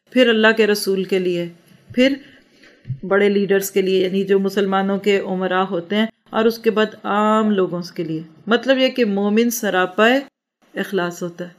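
An earnest woman giving a Quran lesson, her voice sitting at an ordinary middle pitch. She recites the verses slowly, then explains them, asking rhetorical questions as she goes. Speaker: Quran teacher. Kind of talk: Quranic commentary lecture.

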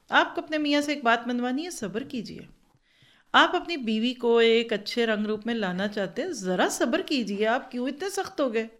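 A woman's voice: fairly high pitch, fairly bright tone. A woman giving an earnest religious lecture to a class of women. She talks in an instructive way, repeats points for note-taking, and acts out different tones of voice as examples. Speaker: religious teacher.

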